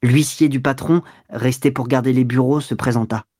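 A man reading a classic novel aloud as an audiobook narrator, in a steady, measured storytelling manner. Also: mid-range voice, no echo, studio quality. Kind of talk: scripted literary narration.

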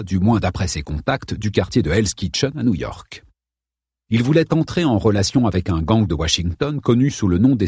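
Husky-voiced man narrating an audiobook. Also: lowish voice, a little mellow, dry recording, clean studio sound. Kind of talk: scripted narration of a novel.

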